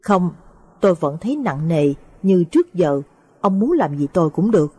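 A woman voicing a vengeful young male spirit in an audio story, flat and unafraid. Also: lowish voice, moderate pace, breathy edge, no echo. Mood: heavy. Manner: flat, unafraid, heavy-hearted.

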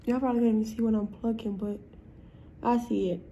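A young woman on the high side of pitch chats through her makeup at home for a casual vlog, sounding stuffy and nasal, blunt, profane and rambling. Her tone is steady and mellow and her pace fairly quick, but the audio is poor, with a little hiss or hum.

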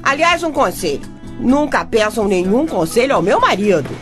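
A Brazilian woman narrates a radio soap opera in a high, slightly bright voice with big pitch swings at a moderate pace, music playing beneath her. As the chatty, exasperated wife of a bricklayer, she tells the tale in a wry, conversational way, addressing the listeners directly.

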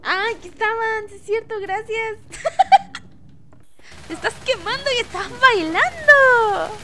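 A woman streaming a game, chatting casually in a bubbly, animated way and often laughing or yelling. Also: very high voice, takes it slowly, background noise. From Mexico. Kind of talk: casual let's-play chat.

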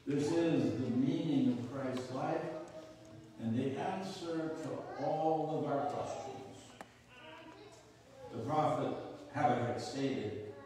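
A man preaching a sermon as pastor, slow and deliberate, posing rhetorical questions. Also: mid-range voice, warm tone. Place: church sanctuary. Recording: echoey church hall from far off.

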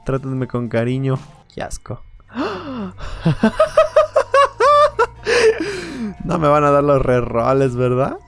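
A man's voice: mid-range voice, steady tone, normal speed, vocal fry, smooth, soft background music. A man giving playful, rambling let's play commentary, joking and laughing often. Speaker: gaming video creator.

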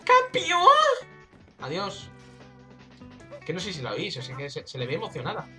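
A man's voice: on the high side, wildly swooping pitch, normal speed, over music. A man with a Spain Spanish accent giving casual, jokey, exclamatory commentary while playing a video game. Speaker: let's play gamer.

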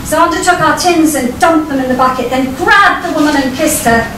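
Here a writer, a middle-aged woman with a high-pitched voice, performs her short story onstage with wry theatricality and carefully deliberate phrasing. She sits far from the mic, picked up by a distant camera microphone in a small vaulted venue. The sound echoes, the room is noisy, and the audience can be heard around her.

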